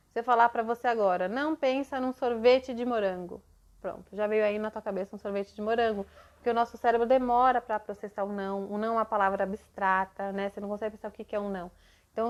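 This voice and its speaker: A woman's voice: medium pitch, dull audio. A woman mentoring parents in a live online session, explaining patiently and acting out what to say to a child.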